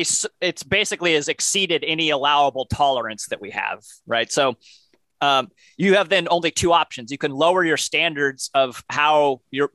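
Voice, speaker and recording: A man co-hosting a finance podcast, explaining ideas step by step in a measured way. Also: a little high, pushed and bright, no room sound. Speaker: podcast co-host. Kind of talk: casual finance podcast chat.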